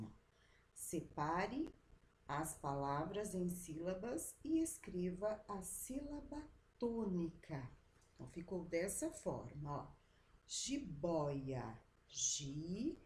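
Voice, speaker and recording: Brazilian lady teacher, lowish voice, stretches words out for little kids. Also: darkish tone. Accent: Brazilian Portuguese. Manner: slow, drawn-out, sing-song teaching voice. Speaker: schoolteacher. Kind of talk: remote class lesson for young children. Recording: echoey room with faint background noise.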